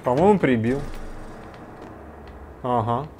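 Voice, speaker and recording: A man giving casual gameplay commentary, muttering to himself and breaking into frequent loud swearing. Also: mid-range voice, expressive, slow pace, noisy background. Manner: swears often, loud startled outbursts; mutters to himself while playing. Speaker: let's play gamer.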